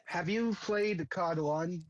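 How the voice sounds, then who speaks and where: A man co-hosting a casual gaming chat, giving relaxed, opinionated takes. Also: sits high, slow pace, highs cut off, a little hiss or hum. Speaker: co-host.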